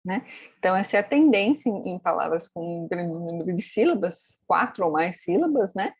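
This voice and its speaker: A woman's voice: on the low side, expressive, brisk, darkish tone, breathy edge, no room sound. A woman teaching phonetics in a screen-recorded tutorial, explaining step by step and checking in with tag questions. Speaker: phonetics instructor.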